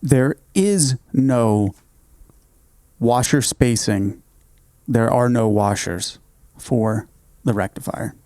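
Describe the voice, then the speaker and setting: A man's voice: medium pitch, takes it slowly, long pauses, warm tone, dry recording, clean studio sound. A man in his thirties, co-hosting a podcast in casual chat, laid-back and laughing often. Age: 30s. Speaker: podcast co-host.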